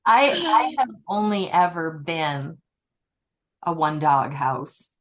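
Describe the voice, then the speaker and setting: A woman hosting a casual conversation, telling wry anecdotes in a relaxed way. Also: low voice, takes it slowly. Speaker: podcast host.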